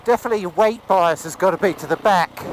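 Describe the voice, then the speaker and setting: A fairly high-voiced man talks from inside a motorcycle helmet, caught on a helmet mic. He keeps up a whooping, laughing commentary while he rides a dirt trail outdoors. Faint engine and wind noise runs under his voice. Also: fast talker, poor audio. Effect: talking inside a motorcycle helmet. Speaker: dirt bike rider filming his ride. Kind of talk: casual commentary while riding.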